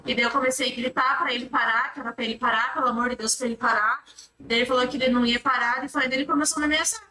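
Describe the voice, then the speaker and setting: Testifying in court, a Brazilian woman with a Brazilian Portuguese accent rushes through a long, rambling account in a high, bright voice. She keeps linking her clauses with the same repeated fillers. The audio is echoey, captured by a distant mic in the courtroom.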